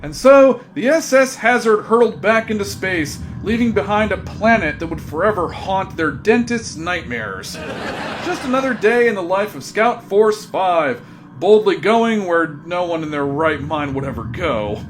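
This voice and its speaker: A man's voice: high-pitched, lively intonation, unhurried, background noise. A man giving wry, mock-grand scripted narration for a comedy audio drama. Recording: music behind the voice.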